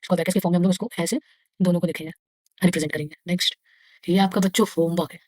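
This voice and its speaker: A quick-talking Indian woman teaches a maths lesson to children, her voice sitting fairly low. She reads textbook lines slowly and then walks through each step, counting aloud. The sound is dry and close, with no room around it. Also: fairly even intonation, a little mellow, no room sound. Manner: slow, deliberate reading of English textbook lines; explains each line again in Hindi. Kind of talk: casual lesson for young pupils.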